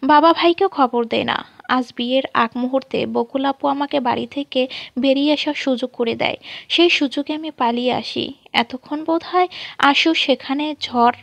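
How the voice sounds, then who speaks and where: A woman's voice: sits high, moderate pace, creaky, a bit bright, dry recording. A woman voicing a frightened young bride who has fled her wedding, telling her story plainly and pleading for shelter.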